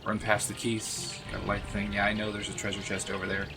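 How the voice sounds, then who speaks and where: A man's voice: lowish voice, completely flat delivery, a little fast. A man streaming a video game, chatting casually with viewers and swearing freely at enemies. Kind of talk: casual live-stream chat while playing. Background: game music.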